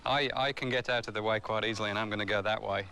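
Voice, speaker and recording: A man's voice: on the low side, fairly even intonation, fast, sharp tone, slight background noise. A man speaking as an animal expert on location in a nature documentary, explaining things in an unscripted way. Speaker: crocodile expert. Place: outdoors on location. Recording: outdoor location sound with music.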